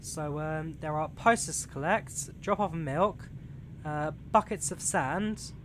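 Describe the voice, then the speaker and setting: A young Englishman, about to turn twenty, rambles on to his live-stream viewers while playing a train simulator, reading their chat aloud with lots of fillers. His voice is fairly high and fairly bright, and he talks slowly. Engine and rail sounds from the game sit clearly behind him.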